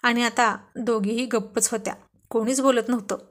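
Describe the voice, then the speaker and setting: A woman narrating a serialized story in a steady, even storytelling manner. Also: a little high, moderate pace.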